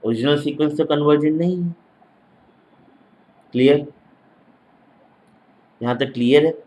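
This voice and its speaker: A man's voice: fairly high pitch, measured pace, darkish tone, rough recording. A male mathematics teacher giving an exam-prep lecture, repeating each phrase as if dictating and checking in with short tag questions.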